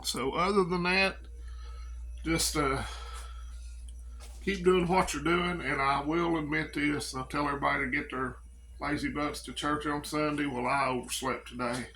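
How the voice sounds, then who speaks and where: A middle-aged East Tennessee man rambles to camera in a folksy, blunt way, running his preparedness vlog. His voice sits a touch high for a man. A faint hum of background noise runs under him. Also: fairly even intonation, normal speed, pushed and bright. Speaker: preparedness vlogger. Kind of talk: casual chat to camera.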